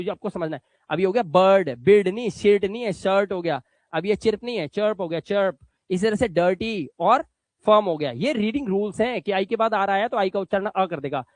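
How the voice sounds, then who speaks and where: This man's voice is high and carries no echo as he gives a spoken English phonics lesson. Coaxing and patient, he goes over rules again, stretches out sample words, and keeps making sure his learners understand.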